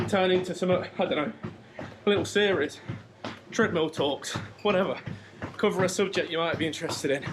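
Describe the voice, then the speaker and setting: A man chatting casually to his vlog viewers while running on a treadmill at home. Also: sits high. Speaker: vlogger. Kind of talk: casual chat to camera. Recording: clear background noise of treadmill, clicks.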